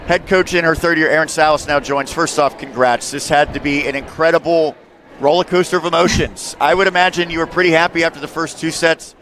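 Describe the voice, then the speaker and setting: A man's voice: a little high, fairly even intonation, fairly quick, a bit bright, a little hiss or hum. A man in his thirties hosting a postgame show, asking long polished setup questions on a headset mic courtside in an empty gym. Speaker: sports network host. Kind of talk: postgame sports interview.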